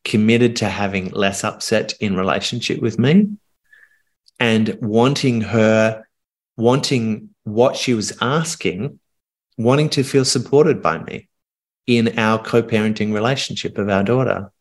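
Earnest low-voiced male coach. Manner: calm, earnest, speaks in reflective phrases with pauses. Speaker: communication coach. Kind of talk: coaching conversation on a podcast.

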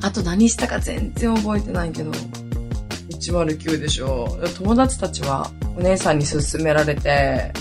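A woman around thirty hosting her own podcast, hoarse today and chatting in a lively, rambling way with many asides. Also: low voice, a little slow, music in the background. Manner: chatty, animated storytelling with lots of asides. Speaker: podcast host. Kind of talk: casual solo podcast chat.

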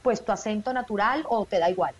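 A woman's voice: medium pitch, brisk, soft background music. A woman with a Colombian coastal accent, a radio co-host asking direct, friendly questions in casual chat. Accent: Colombian coastal Spanish. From Colombian Caribbean coast.

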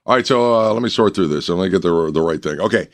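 A man's voice: sits low, expressive, fast, no echo. A man hosting a morning radio show, chatting casually in an upbeat way with fillers.

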